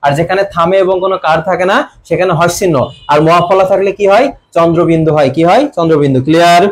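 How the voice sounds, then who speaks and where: A man's voice: fairly high pitch, steady tone, fast. A young man with a Bangladeshi Bengali accent teaching a live online exam-prep class. He quizzes students with repeated questions, answers them himself and reads out commenters' names. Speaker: admission coaching teacher.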